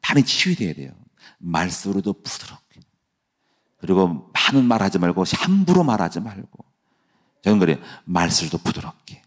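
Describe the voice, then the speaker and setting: Man, middle-aged, pastor, sermon, folksy, fervent, lowish voice. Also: darkish tone. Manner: folksy, chatty preaching with laughs and asides; rises into fervent prayer. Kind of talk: sermon and prayer.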